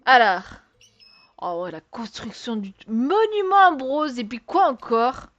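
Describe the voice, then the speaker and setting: A woman's voice: fairly high pitch, very animated, measured pace, fairly bright tone, muffled recording. A woman giving casual let's-play commentary in French, chatty and exclamatory, talking to her viewers with exasperated asides and sighs. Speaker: gaming video creator.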